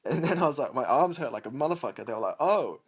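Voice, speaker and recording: A man's voice: mid-range voice, expressive, rapid-fire, breathy edge. A young man casually telling a long personal story, rambling, swearing a lot and laughing between lines. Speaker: storyteller over gameplay.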